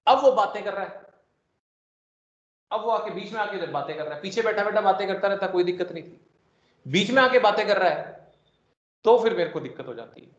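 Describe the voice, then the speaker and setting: A male chemistry teacher giving a classroom lecture, joking and explaining with everyday classroom analogies. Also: sits high. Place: classroom with students present. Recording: echoey classroom, dull lo-fi sound.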